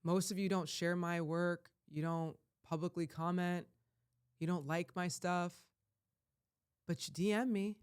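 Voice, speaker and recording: A woman's voice: fairly low pitch, fairly even intonation, measured pace, clear, resonant tone. Impassioned ranting woman vlogger. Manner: emphatic, ranting, surging to loud peaks; rambling with frequent restarts. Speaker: life coach. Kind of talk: impassioned vlog monologue.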